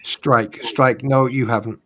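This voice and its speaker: A man's voice: mid-range voice, steady tone, slow pace, pushed and bright, a little hiss or hum. A man voicing a curt attorney making objections in a dramatic deposition reading.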